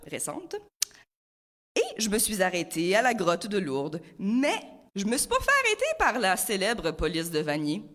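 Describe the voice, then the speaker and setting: A comic columnist, 26 and from Ontario, Canada, speaks with a Franco-Ontarian French accent as she gives a humorous spoken chronicle in rhyme, rich with wordplay. Her voice is mid-range with a fairly bright tone.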